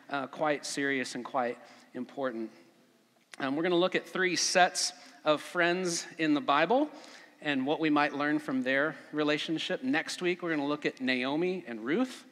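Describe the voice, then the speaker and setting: A man preaching a conversational sermon as pastor at a pulpit microphone, relaxed, with frequent fillers. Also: on the high side. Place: church sanctuary. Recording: long church reverb.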